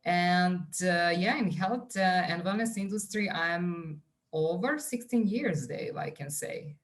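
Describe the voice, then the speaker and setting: A woman's voice: lowish voice, slow, faint music behind. A woman in her forties with a Serbian accent, a wellness coach talking earnestly as a podcast guest with many fillers and restarts. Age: 40s. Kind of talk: conversational podcast interview.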